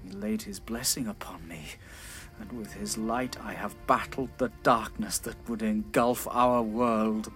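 A man voicing an ancient elf king whose calm, sharp anger swells into shouts, in a dramatized fantasy audiobook. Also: on the low side, unhurried, hardly any pauses, faint music behind. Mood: grim anger. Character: ancient elf king, grief-stricken, raging, proud.

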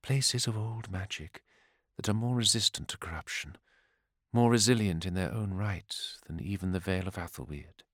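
A man voicing a serene, regal divine queen in a soft, measured, stately way. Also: deep voice, no room sound, studio quality.

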